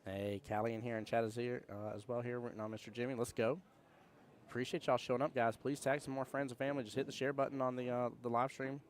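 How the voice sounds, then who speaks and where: A man's voice: medium pitch, level tone, quick pace. A man commentating casually on a live pool stream, chatting with viewers in a folksy, friendly way. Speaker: livestream pool commentator and host. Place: indoor pool hall. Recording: small fan near the mic.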